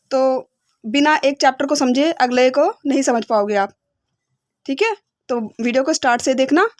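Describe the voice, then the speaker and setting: A young woman with a high, bright-pitched voice teaches beginner phonics. She spells out each letter sound slowly and patiently, pausing often to check her learners follow. The sound is close and dry, with no room echo. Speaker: English teacher.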